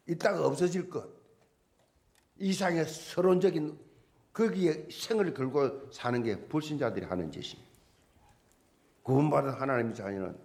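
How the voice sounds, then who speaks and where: A man's voice: on the high side, darkish tone. A male pastor preaching a sermon with emphasis, firing off repeated rhetorical questions at the congregation.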